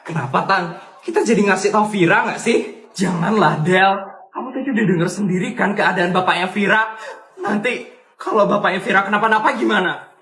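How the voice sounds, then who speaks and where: A man voicing a teenage school friend, talking quickly and excitedly in a conspiratorial way. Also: sits high, roomy sound, voice pushed up.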